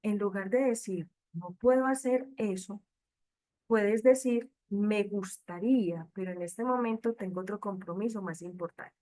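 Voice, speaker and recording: A woman with a medium-pitched, mellow voice speaks at a measured pace, leading an online training session for catechists and addressing them directly. She's heard through a computer microphone on a video call.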